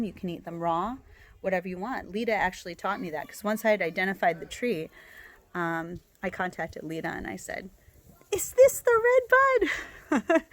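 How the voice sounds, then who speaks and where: A woman of medium pitch leads a casual herbal plant walk in a garden, recorded on a handheld phone with a little hiss or hum. She's chatty, using many fillers and restarting her sentences, and Hebrew isn't her first language.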